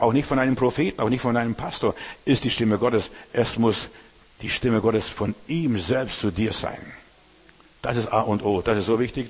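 A man's voice: lowish voice, husky. A man preaching a sermon as pastor, talking plainly and colloquially and turning straight to the listener again and again. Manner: colloquial, addresses listener directly with "weißt du". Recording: long hall reverb.

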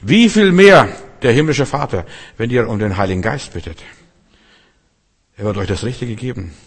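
A man's voice: medium pitch, animated, normal speed, slightly rough, long reverb tail. A man preaching a sermon, emphatic and repetitive, speaking straight to his listeners with slightly broken grammar.

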